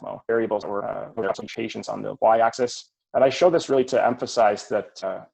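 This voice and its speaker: Male clinician presenter, lowish voice, on a video call whose audio drops out, uneven volume. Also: gravelly, a little mellow, breathy edge, rough recording. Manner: measured, with frequent fillers. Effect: audio cutting out, uneven volume. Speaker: presenter at a medical case review. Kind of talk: lecture over slides on a video call.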